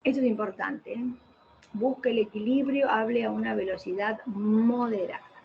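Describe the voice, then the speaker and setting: A woman who specializes in voice care delivers a didactic online lecture, asking rhetorical questions and answering them herself. Her voice is on the high side, steady in tone, at a moderate pace with some vocal fry. She speaks into a computer mic on a video call, and the audio is muffled with faint hiss.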